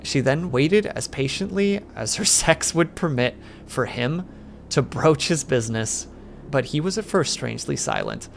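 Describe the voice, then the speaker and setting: Gravelly man reading a spooky story. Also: fairly high pitch, a little slow, a little hiss or hum. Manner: steady narration with small slips. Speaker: streamer reading a horror story.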